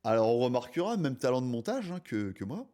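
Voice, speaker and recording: A man's voice: medium pitch, big pitch swings, brisk, warm tone. A man hosting his channel, giving playful, mocking commentary on a cooking video. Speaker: video reaction host. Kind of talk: casual reaction commentary.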